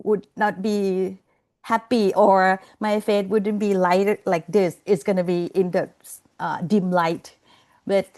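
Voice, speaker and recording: A woman lecturer teaches an online class over a video call in a mid-range, darkish voice. She's chatty, laughs often, and keeps checking in with "okay?" and "you know."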